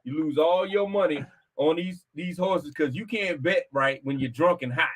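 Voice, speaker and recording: A man's voice: fairly high pitch, normal speed. Teasing male talk show co-host. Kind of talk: casual business chat.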